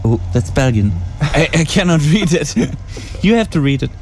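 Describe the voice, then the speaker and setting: A male radio host with a slightly high voice talks casually on location. His phrasing is halting and non-native, and clear noise sits behind him. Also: big pitch swings, darkish tone. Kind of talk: casual on-site radio interview. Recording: clearly noisy camp background.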